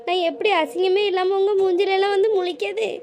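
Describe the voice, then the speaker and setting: A woman's voice: extremely high pitch, flat delivery, fast, a little mellow, a little hiss or hum. A woman voicing a weepy old village widow. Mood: tearful. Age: older. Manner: tearful, pleading, self-blaming. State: crying.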